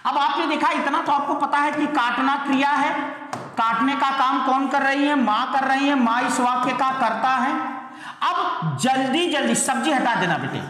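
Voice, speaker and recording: A male teacher giving an online grammar lesson. He fires repeated questions at his students, calls them "beta", and slows right down to spell out each example sentence. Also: extremely high pitch, bright, forceful tone. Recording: very echoey room with long reverb.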